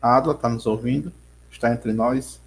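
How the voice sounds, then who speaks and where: The audio is poor, picked up by a computer mic on a video call. A man with a medium, creaky voice keeps a steady tone and moderate pace while leading an online geography lesson in a Rio Grande do Norte accent, rambling, frequently starting sentences over, and addressing students by name.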